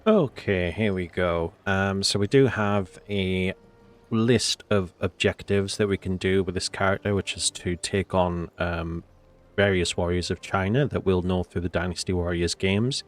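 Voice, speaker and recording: A man with a cold and a nasal voice gives casual gameplay commentary, rambling and hesitating with lots of fillers. His voice sits low, and he talks at a measured pace.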